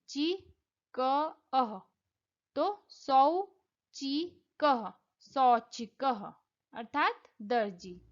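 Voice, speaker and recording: Slow, patient woman teaching Sanskrit. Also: sits high, muffled recording. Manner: spells words out letter by letter, gives Hindi and English meanings. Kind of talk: slow, explanatory classroom lesson.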